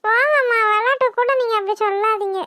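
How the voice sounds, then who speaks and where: Squeaky earnest village girl. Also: quick pace, sharp tone. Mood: pleading. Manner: pleading, earnest, high squeaky voice. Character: sweet young village girl, devoted to her parents. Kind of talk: cartoon voice acting.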